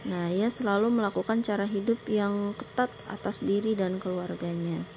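A woman teacher giving a recorded slideshow lesson, explaining slowly and often pausing on filler words. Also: medium pitch, fairly even intonation. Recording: tinny phone-like sound with faint noise.

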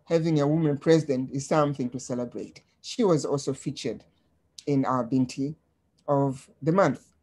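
A woman from Tanzania presenting slides on a webinar in a measured way, with frequent ums, over a video call. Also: very deep voice, darkish tone.

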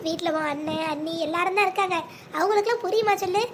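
Woman doing a widowed cartoon mom, tender, coaxing, anxious, very high pitch, brisk. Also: fairly bright tone, a little hiss or hum. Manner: tender, coaxing, calling endearments. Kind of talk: animated family drama voicing.

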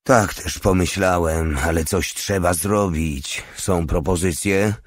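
A man voicing a hardened male legionnaire who speaks calmly and with cold practicality. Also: low-pitched, slow pace, no echo. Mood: cool. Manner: calm, matter-of-fact, coldly practical.

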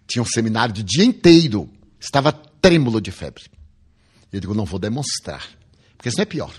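A man's voice: fairly low pitch, fairly quick, slightly rough. An older man from Brazil with a Brazilian Portuguese accent, giving a spiritual lecture full of personal anecdotes and playful humor, acting out the dialogue. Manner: lively storyteller, acts out dialogue, playful humor.

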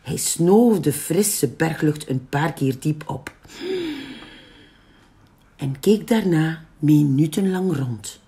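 A woman with a Flemish accent reading a picture book aloud for young children. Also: sits low. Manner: slow, very lively storytelling. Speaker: library storyteller.

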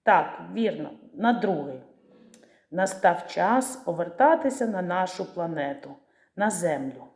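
A woman teacher leads young children through a literacy lesson, drawing each word out syllable by syllable. Her voice is mellow and unhurried. The recording carries a roomy echo. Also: fairly low pitch, animated. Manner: slow, syllable-stretching pronunciation of words. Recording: echoey room.

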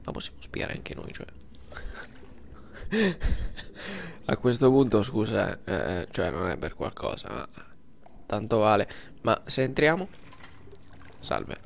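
Gravelly man, joking gamer. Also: lowish voice, huge pitch swings, slow pace, pauses often, a little hiss or hum. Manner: slangy, joking. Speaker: gameplay commentator. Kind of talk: casual gameplay commentary.

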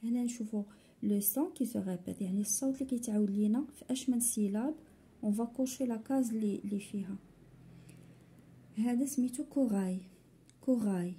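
A primary school teacher with a Moroccan accent gives young pupils a French phonics lesson, explaining in Moroccan Arabic and saying each word twice. Her voice is on the high side, warm with a breathy edge, and she races along.

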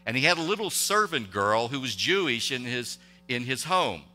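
Male pastor, intense and tense-toned, folksy halting sermon delivery, long church-hall reverb. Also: medium pitch, sing-song, pushed and bright. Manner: conversational, halting, many restarts and rhetorical questions. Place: church sanctuary.

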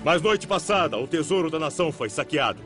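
A man's voice: fairly high pitch, lively intonation, a little fast, over music, lightly acted. An actor dubbing a stern army general who rallies his troops in a film trailer, speaking in a commanding, grave manner. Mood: rousing.

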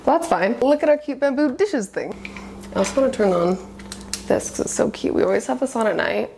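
Here the same kind of casual indoor house tour comes in a warm, creaky voice that's a little high, expressive and fairly quick. The woman, in her twenties, gushes over her small apartment's kitchen and living room, saying cute often, over a faint hiss or hum.

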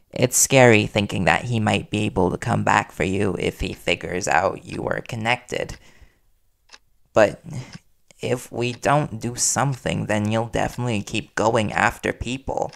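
In an intimate audio roleplay, a man plays a worried, devoted young reporter boyfriend, speaking earnestly and soothingly with hesitant pauses. His voice is fairly low, gravelly and a bit bright, and the performance is heavily acted.

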